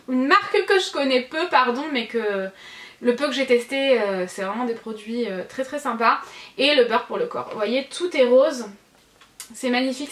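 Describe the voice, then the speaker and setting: A woman's voice: a little high, fairly bright tone, roomy sound, a little hiss or hum. A woman beauty vlogger casually reviewing gift sets, chatty and gushing, with many fillers and self-corrections.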